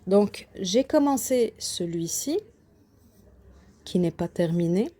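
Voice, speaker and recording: This craft channel host from Quebec has a mid-range, dark-toned voice that's animated yet slow. She presents her coloring and embroidery in an informal vlog, hesitant and prone to fillers and false starts.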